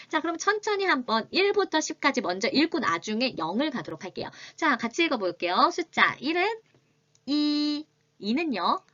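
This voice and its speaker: Female language tutor, Korean native, lively pitch, slow patient drills, slightly muffled lo-fi audio. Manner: patient, drills pronunciation slowly and repeats syllables. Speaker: Chinese language teacher. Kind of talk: online language lesson. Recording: slightly dull lo-fi sound.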